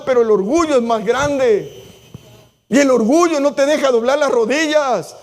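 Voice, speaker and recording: A man preaches to his congregation in a strikingly high voice. He pleads and exhorts, dropping into spoken prayers. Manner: impassioned preaching, acts out prayers. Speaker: pastor. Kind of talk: sermon. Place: church.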